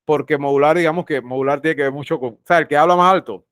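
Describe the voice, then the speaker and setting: A man's voice: a little high, quick pace, a bit bright, no room sound, studio quality. A man teaching an online class over a video call, who often repeats his phrases and puts questions straight to his students. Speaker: university teacher.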